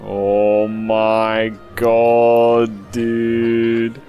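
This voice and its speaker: A man reacting casually to a game with amused disbelief, sweary, slangy and excitable. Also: medium pitch, extremely slow, dull audio. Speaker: gamer reacting to a game's story. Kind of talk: casual gameplay reaction commentary. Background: game music.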